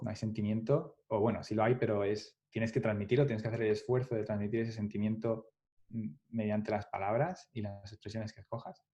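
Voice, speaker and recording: A guest developer whose first language is Spanish speaks in a casual podcast interview, his mellow, lowish voice thoughtful and reflective. He often restarts phrases and laughs lightly, and the podcast audio is dull and lo-fi.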